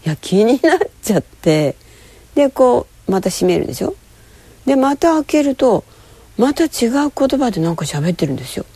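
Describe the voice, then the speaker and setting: A woman chatting casually to camera, rambling and telling a story with lively, acted-out quoted voices. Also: on the high side, normal speed, husky, no echo. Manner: lively, rambling, with frequent fillers.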